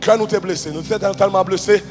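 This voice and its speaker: Haitian-accented pastor shouting and chanting, echoey hall, music behind. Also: male voice, high voice, fairly even intonation, fast talker. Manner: fervent preaching, shouting and sing-song chanting. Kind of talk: sermon.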